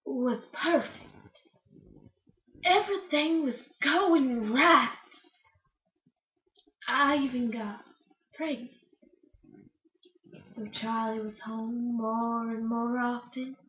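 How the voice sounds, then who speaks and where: A woman performs a stage monologue as a female country singer, dreamy but defiant, in a very high, bright voice; her wistful, troubled story unfolds in a folksy, dramatic style broken by hesitant pauses. It was captured in a roomy, slightly dull recording.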